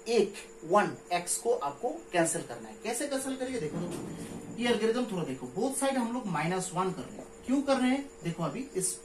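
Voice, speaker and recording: A man teaching a maths lecture, walking through each step and often checking understanding with rhetorical questions. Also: sits high. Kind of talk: recorded classroom lecture. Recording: echoey room with faint ambient noise.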